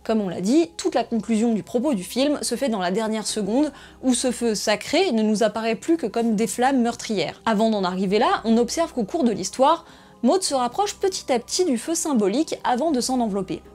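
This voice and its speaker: A woman narrating a scripted film analysis essay in a measured, analytical way. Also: on the high side, expressive, darkish tone.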